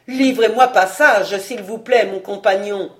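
A reader voicing a furious, scheming male nobleman in an audiobook, shouting and cursing. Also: mid-range voice, a little slow, close to an everyday voice. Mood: forced calm. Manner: shouting, blasphemous outbursts. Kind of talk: audiobook character reading.

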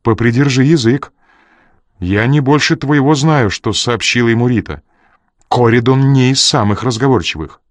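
A man voicing a nervous, evasive man who explains himself calmly, then turns plaintive and defensive, in a read-aloud story. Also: low-pitched, moderate pace, no room sound.

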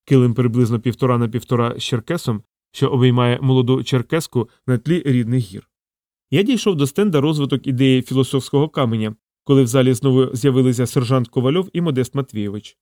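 A man narrates an audiobook in a steady, even voice at a mid pitch. The recording is close-miked and very dry, with no room sound. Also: fast, no echo. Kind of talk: scripted narration.

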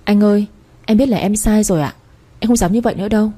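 A woman's voice: medium pitch, fast talker, dark tone, close to an everyday voice. A woman reading the part of a remorseful sister-in-law who pleads tearfully in a spoken story. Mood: pleading.

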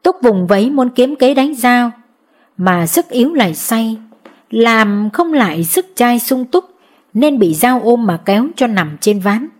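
Woman reading an audiobook, steady storyteller, bit high voice. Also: measured pace. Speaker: audiobook narrator. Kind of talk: scripted audiobook narration.

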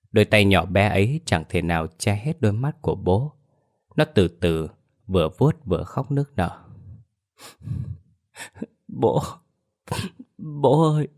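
A man narrating a ghost story in a solemn, mournful storytelling manner. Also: low voice.

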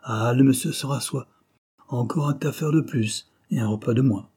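A man voicing a big, brash young man who talks bluntly and provokes others with mocking calm. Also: mid-range voice, normal speed, breathy edge, close to an everyday voice. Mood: defiant.

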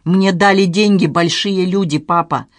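An audiobook narrator voicing an angry, frightened grown son who shouts bitterly and pleads, in a dry recording. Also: mid-range voice, fairly even intonation, moderate pace, no room sound, close to an everyday voice. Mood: desperate. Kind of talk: dramatized audiobook reading.

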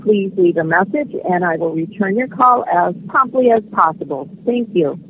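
Man's answering machine greeting heard down a tinny phone line, high-pitched, polite and businesslike. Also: lively intonation, moderate pace, slight background noise. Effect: recorded answering machine greeting played over a phone call. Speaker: real estate agent. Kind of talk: formal recorded voicemail greeting.

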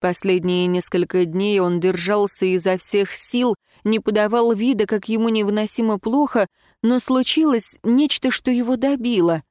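A woman's voice: mid-range voice, moderate pace, no echo. Woman narrating fiction, dry close sound. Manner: expressive, emotional reading. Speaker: audiobook narrator. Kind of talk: scripted first-person fiction narration.

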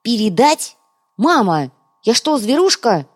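A woman voicing a timid male astronomer who mumbles and squeaks back at his domineering mother, in an audiobook. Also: sing-song, takes it slowly, faint music behind, full character voice. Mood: indignant. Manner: meek, mumbling, squeaky when indignant. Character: timid male astronomer, meek grown son.

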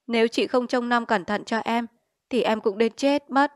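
Storybook heroine, young woman in tears, begging softly, read by a woman narrator. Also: a little high, moderate pace, no echo, clean studio sound, close to an everyday voice. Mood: tearful pleading. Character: grieving young woman, tearful and pleading.

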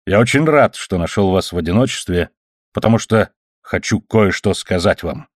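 A man's voice: low voice, expressive, moderate pace, no room sound, studio quality. A man reading the part of an arrogant army captain who courts a young lady in a smug, ingratiating, mocking way. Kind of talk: audiobook character reading.

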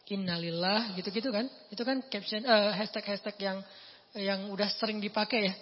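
A man with a husky voice giving a casual sermon as a lively storyteller who acts out the voices in his stories. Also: sits high. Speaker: preacher. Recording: echoey hall, muffled lo-fi sound.

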